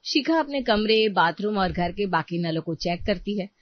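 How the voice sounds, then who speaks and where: A woman narrating a scripted family drama in a plain, even storytelling manner. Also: medium pitch, moderate pace. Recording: dull lo-fi recording.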